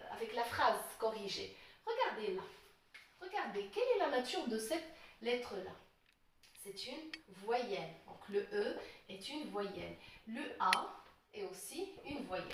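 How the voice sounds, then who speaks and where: A woman's voice: a little high, a little hiss or hum. A woman teaching French grammar step by step, patiently repeating each point and checking that the class follows. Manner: patient, repeats points and asks "vous voyez?". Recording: echoey room, voice from a distance.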